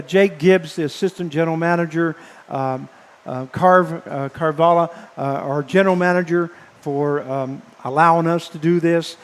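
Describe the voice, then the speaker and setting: A man broadcasting baseball, signing off live from the press box, speaking haltingly and earnestly with many fillers, emotional and choked up. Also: on the high side. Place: press box above a ballpark. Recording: long hall-like reverb.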